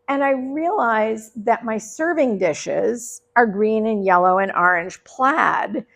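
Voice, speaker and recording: A woman's voice: fairly high pitch, gravelly. A middle-aged woman telling a personal story to a live audience, chatty and conversational with laughing asides. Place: live event venue.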